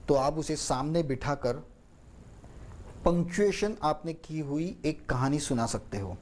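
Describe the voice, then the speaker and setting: A man teaching public speaking, talking slowly and expressively and stressing key words as he demonstrates how to tell a story. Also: a little high, darkish tone. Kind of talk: instructional talk with demonstration storytelling.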